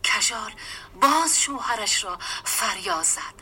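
Hushed bright-voiced woman reading a story. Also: medium pitch, lively intonation, slight background noise. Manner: hushed, half-whispered dramatic reading. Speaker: story reader.

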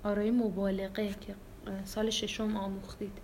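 A woman's voice: mid-range voice, little pitch movement, noisy background. Woman teacher explaining grammar. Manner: plain, explanatory, breaks sentences into parts.

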